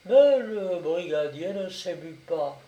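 A man narrating a classic short story aloud in a measured, expressive reading. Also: a little high, recorded from a distance, highs cut off. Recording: echoey room, voice set back from mic.

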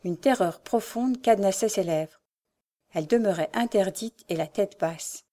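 Mellow-voiced woman narrating a novel. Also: mid-range voice. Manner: measured, expressive reading. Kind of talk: audiobook narration of a classic novel.

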